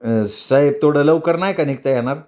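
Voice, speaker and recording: A man's voice: on the high side, brisk, a little mellow, lightly acted. Guy doing worried driver, pleading, arguing his way out. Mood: anxious. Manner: pleading, anxious. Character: anxious, pleading working-class male driver.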